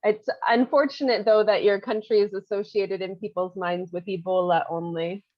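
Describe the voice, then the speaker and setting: A woman's voice: medium pitch, fairly even intonation, normal speed. A woman interviewing a guest in a casual conversation, asking short questions and giving encouraging replies. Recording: dull lo-fi audio.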